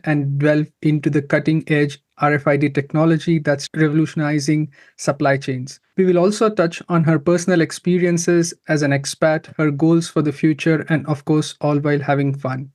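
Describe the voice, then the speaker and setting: A man's voice: fairly high pitch, darkish tone. Upbeat man hosting an interview. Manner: upbeat, polished presenter delivery. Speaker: podcast host. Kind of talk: scripted interview introduction.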